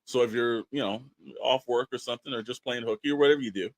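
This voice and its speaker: Speaking fast in a medium-pitched voice with no echo, this American podcast co-host keeps things casual and chatty, repeating phrases to drive his points home in an informal style.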